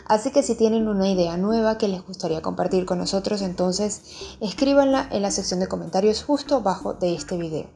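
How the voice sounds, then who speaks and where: A woman's voice: medium pitch, brisk, gravelly, mellow. A woman hosting a children's channel, narrating a craft tutorial in a friendly way, speaking straight to young viewers. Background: music behind the voice.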